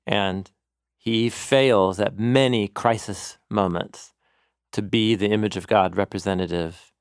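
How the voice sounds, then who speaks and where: Male co-host, lowish voice, eager teacher explaining scripture, dry close recording. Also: a little slow, clean tone, no room sound. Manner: animated explainer, quotes scripture in storytelling voice. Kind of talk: conversational teaching.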